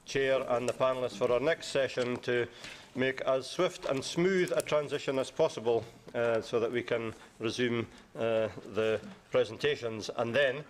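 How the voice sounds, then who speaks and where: A man's voice: mid-range voice, fairly even intonation, normal speed, slight background noise. Hesitant man chairing a conference. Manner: hesitant, lots of uh fillers. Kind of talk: chairing a session. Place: conference room.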